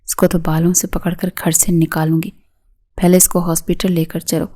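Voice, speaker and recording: A woman's voice: lowish voice, little pitch movement, mellow, natural voice. A woman voicing a domineering middle-aged mother-in-law who scolds and hisses with anger. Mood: scolding.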